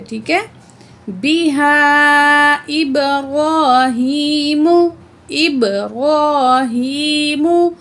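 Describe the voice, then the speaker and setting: High-voiced woman teaching Quran recitation slowly. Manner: explains rules plainly, then recites verses slowly and drawn out; often adds "theek hai" to check understanding. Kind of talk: slow word-by-word recitation lesson.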